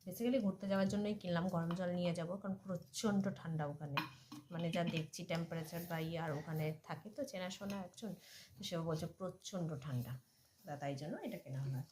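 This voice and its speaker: A mother and family vlogger with a lowish voice talks briskly and casually to viewers in a home vlog, with a noisy background. She's chatty and checks in with her audience often.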